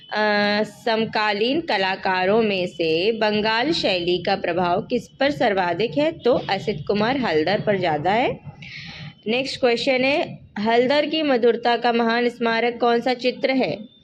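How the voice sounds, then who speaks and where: A woman tutor with a cold, reading exam questions aloud, repeating them, and giving the answers. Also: a little high. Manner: reads each question, repeats it, then answers. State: has a cold, voice heavier. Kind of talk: one-liner quiz revision lesson. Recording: dull lo-fi recording with faint noise.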